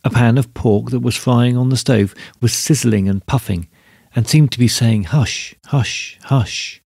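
A man narrates a classic story in a steady, measured reading. His voice is gravelly and husky, at a middle pitch. The recording is close and dry. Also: dry recording. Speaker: podcast host reading a story.

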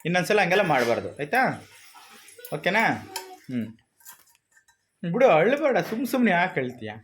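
Over soft background music, a vlogging dad with a high-pitched, very animated voice talks to his little girl at normal speed. In this casual family moment he keeps questioning her, alternately coaxing and lightly scolding.

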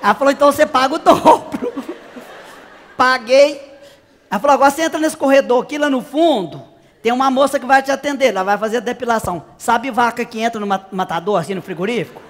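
In an extremely high pitch, a man talks fast while telling a comic story in character. The comedian portrays a brash, naive country woman from the interior, gossipy, chatty and exaggerated, with squealing cries. A long reverb tail trails his words.

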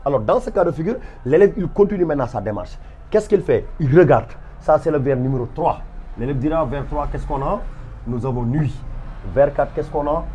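A man's voice: medium pitch, darkish tone, slight background noise. A man with a Senegalese French accent teaching a literature lecture, walking students through examples step by step and stressing each point over and over. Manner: emphatic and repetitive, stepping through examples.

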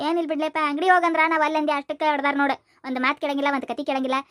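Cartoon boy, North Karnataka accent, high squeaky and fast, dry close sound, a voice actor playing him. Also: little pitch movement, fairly bright tone, no room sound. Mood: sulky. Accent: North Karnataka Kannada. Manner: quick, high and squeaky, bickering. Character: cheeky lazy village boy, always hungry. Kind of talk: cartoon voice acting.

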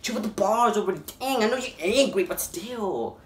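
A man hosting a reaction video, excitable and swearing constantly, breaking into loud yelps of disbelief. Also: high voice, normal speed. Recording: echoey room.

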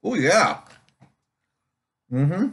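A man's voice: a little high, big pitch swings, very slow, vocal fry, a bit bright, husky. A father chatting casually through a mouthful of candy, humming and mm-hmming eagerly. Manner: enthusiastic, lots of hums and mm-hmms. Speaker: father doing a taste test with his child. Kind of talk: casual video chat.

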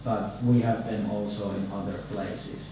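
A man in his thirties with a Finnish accent giving a conference presentation at a podium microphone, halting and repeating words, his phrases trailing off. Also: on the low side, level tone, noisy background. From Finland. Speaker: conference speaker. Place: conference hall, indoors. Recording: echoey hall, picked up from far off.

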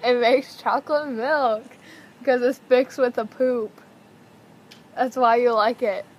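This challenge vlog host, a teenage girl on a house patio, talks casually in a slightly high voice with fairly even intonation and a measured pace. Suppressed giggles keep interrupting her, and the camera mic sits at table distance, capturing plenty of outdoor noise.

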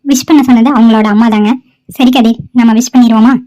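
A woman's voice: fairly high pitch, steady tone, quick pace, dark tone. A woman channel host giving a chatty, cheerful introduction and a birthday wish.

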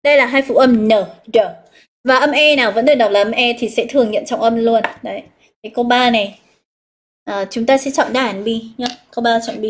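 A woman with a Northern Vietnamese accent teaching a live online English exam review, explaining step by step and reading out students' answers. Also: a little high. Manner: explains step by step, reads out students' answers, drawn-out key words.

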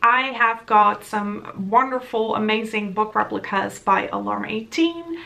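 A Dutch woman in her thirties, a native speaker from the Netherlands with a Dutch accent, hosts a video in a chatty, enthusiastic way, talking to camera and doing voice-over. Her mid-range voice is creaky with a sharp edge, and she keeps a measured pace.

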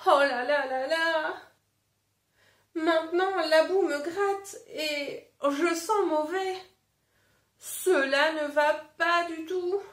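A woman's voice: very high voice, slow, fairly bright tone, reverberant, full character voice. A woman voicing a fussy male wolf from a children's storybook, exclaiming in dramatic complaints about how he looks. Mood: complaining. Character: fussy male wolf unhappy with his color.

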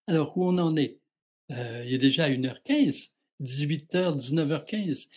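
A middle-aged man hosting a live spiritual guidance show, calmly and reflectively answering viewers' questions and speaking directly to them. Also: on the high side, unhurried, breathy edge. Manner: calm, reflective, addresses listeners directly.

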